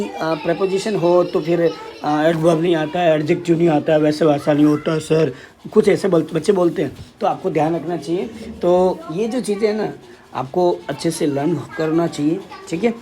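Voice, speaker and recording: A man teaching an English grammar lesson in Hindi, explaining step by step and often checking with "ठीक है". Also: sits high.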